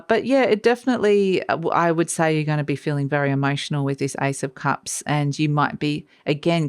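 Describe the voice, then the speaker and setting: Low, clear-voiced woman giving mystical tarot readings. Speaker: tarot card reader.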